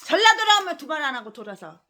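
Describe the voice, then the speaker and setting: A woman in her sixties preaching a sermon as a pastor. She rants scornfully, fires off rhetorical questions and swings between loud outbursts and low mutters. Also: big pitch swings, quick pace. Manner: fiery, ranting, scornful.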